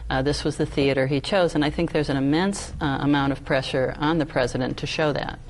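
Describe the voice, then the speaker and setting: A woman's voice: sits low, steady tone, a little fast, low-quality recording. A woman on a panel, speaking earnestly with many fillers. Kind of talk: panel discussion.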